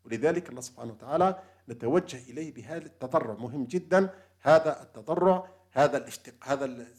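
A man's voice: medium pitch, quick pace, darkish tone. A man giving an earnest, unscripted spiritual lecture on prayer and humility, with frequent fillers and restarts. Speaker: religious lecturer.

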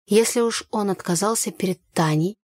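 A woman's voice: medium pitch, moderate pace, a little mellow, dry recording. Woman narrating a story in a dry room. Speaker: audiobook narrator. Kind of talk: first-person scripted narration.

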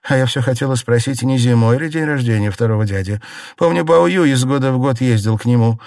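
A man reading aloud voices a proud, sharp-tongued young noblewoman who runs a grand household, raising his voice and speaking bitterly. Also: mid-range voice, fast talker, dry recording, clean studio sound, voice pushed up, close to an everyday voice. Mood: arguing. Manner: imperious, bitter, scolding.

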